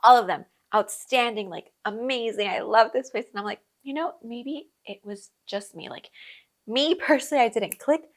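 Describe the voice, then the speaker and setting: A woman's voice: on the high side, normal speed. A young woman who was born in Colombia and grew up in the US, hosting a podcast and telling travel stories in a chatty way, with lots of fillers, laughing often and acting out her own reactions. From born in Colombia, raised in the US. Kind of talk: casual storytelling chat.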